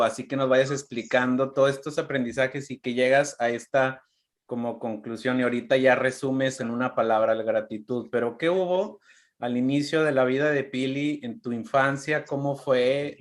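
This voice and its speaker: A man from Mexico hosting a live-streamed interview, greeting viewers and prompting his guest in a friendly way. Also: medium pitch. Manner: friendly, warm welcomes, restarts often. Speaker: interview host.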